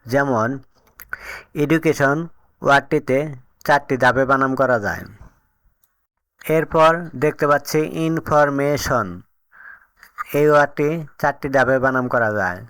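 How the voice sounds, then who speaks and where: Male narrator for a beginner lesson: mid pitch, smooth and clear, steady explanatory read. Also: a little slow, pauses often, no room sound. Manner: steady, explanatory reading of definitions and examples. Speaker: English teacher. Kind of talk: scripted teaching narration.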